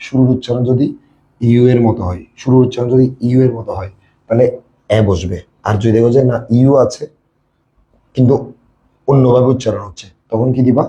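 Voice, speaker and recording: Bangladeshi male English tutor, very dark mellow tone, drills students with repeated questions. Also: mid-range voice, brisk, pauses often, dull audio. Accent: Bangladeshi Bengali. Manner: repetitive, quizzing students with questions. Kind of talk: classroom lesson.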